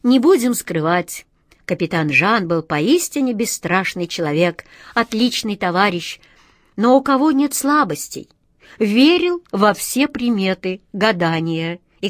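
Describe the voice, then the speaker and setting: A woman narrating a children's storybook with expressive, lively delivery. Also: medium pitch, measured pace, dry recording, clean studio sound. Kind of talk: storybook reading.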